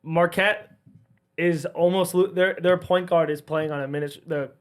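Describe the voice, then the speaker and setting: A man's voice: fairly high pitch, fairly even intonation, moderate pace, clean tone. A man on a casual sports panel, making emphatic, confident predictions and often talking over the others. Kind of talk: casual group chat.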